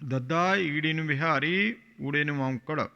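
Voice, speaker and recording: A man's voice: a little high, measured pace, gravelly, bright, forceful tone, big-room sound, muffled recording. A man teaching scripture recitation, modelling phrases and correcting pronunciation with short affirmations.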